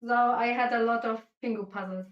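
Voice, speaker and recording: A woman from Switzerland, a guest speed puzzler, chatting shyly and halting with giggles on a video call. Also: fairly high pitch, steady tone, roomy sound, muffled recording. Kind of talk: casual video call chat.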